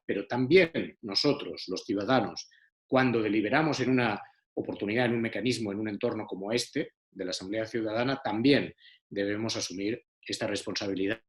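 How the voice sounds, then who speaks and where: A man giving an earnest online talk to a citizens' assembly, repeating himself with many fillers, over a video call. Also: mid-range voice. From Spain. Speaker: speaker on deliberative democracy.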